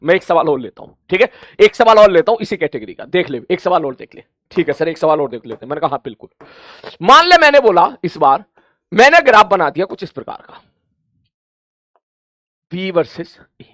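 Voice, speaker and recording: A man with a strikingly high voice teaches a physics class in a dry, close-sounding space. He talks to the class like family, calls them brother and child, and plays both sides of the question and answer. He counts things out slowly aloud to make a point. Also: very animated, bright, forceful tone, no room sound. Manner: chatty, quizzes himself in students' voices and answers. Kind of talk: coaching class lecture.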